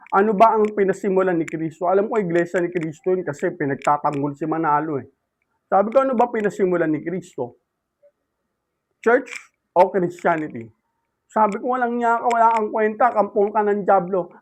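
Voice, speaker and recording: A man's voice: sits high, poor audio. A man vlogging an indignant, repetitive rant as he recounts an argument about religion. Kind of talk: ranting religious vlog monologue.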